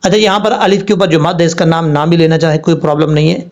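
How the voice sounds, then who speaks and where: A man teaching Quran recitation rules, explaining step by step and spelling words out slowly. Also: on the high side. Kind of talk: tajweed lesson. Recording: dull lo-fi sound.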